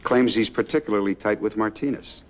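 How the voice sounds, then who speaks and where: A hard-nosed lawman, played by a male actor, briefs colleagues in a TV crime drama. He talks quickly in a low voice. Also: close to an everyday voice. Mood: brisk, businesslike.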